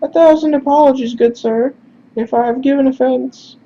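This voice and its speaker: A man voicing a high-voiced, anxious and overly courteous male messenger in a game, in a dull lo-fi recording with faint hiss. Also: fairly even intonation, moderate pace, warm tone. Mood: pleading courtesy.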